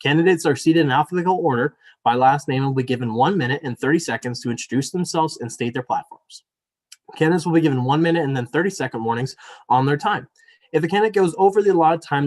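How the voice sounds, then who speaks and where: A young man with a voice on the high side and a darkish tone talks at a quick pace while moderating a debate over video call as student elections director. He opens apologetically, chatting with lots of fillers, then delivers the rules formally.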